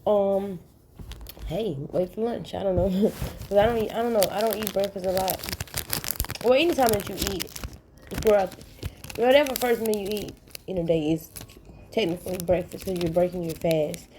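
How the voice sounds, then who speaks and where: A woman hosting her own channel, chatting casually and sleepily to her viewers in a relaxed, rambling, affectionate way. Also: medium pitch, normal speed, pauses often, a little hiss or hum. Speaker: channel host. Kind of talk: casual morning chat to viewers.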